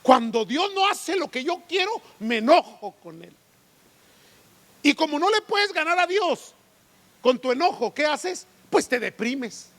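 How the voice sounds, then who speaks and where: Pastor, man, very high and lively pitch, slow deliberate sermon delivery, long church hall reverb. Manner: animated preaching with rhetorical questions. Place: church sanctuary.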